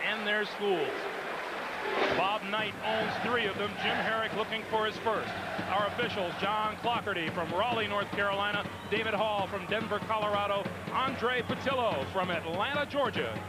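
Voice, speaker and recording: A man's voice: high voice, normal speed. A man giving basketball commentary as a play-by-play broadcaster from an arena. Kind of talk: sports commentary. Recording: loud arena noise behind voice.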